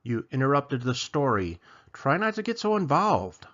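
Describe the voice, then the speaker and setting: A man voicing a patient, weary father chicken who gently chides his child in a bedtime storybook. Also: medium pitch, very animated, moderate pace, lo-fi sound. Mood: chiding, patient. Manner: gently chiding.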